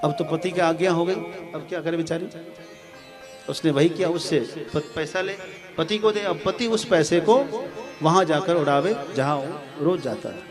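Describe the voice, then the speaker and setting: A male preacher telling a devotional story in a sermon, animated and acting out the characters. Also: a little high, normal speed. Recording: music playing behind. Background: music.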